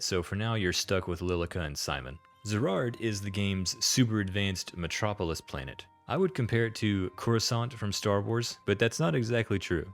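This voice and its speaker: A man narrating a scripted video-game retrospective, with dry, sardonic asides. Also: low-pitched.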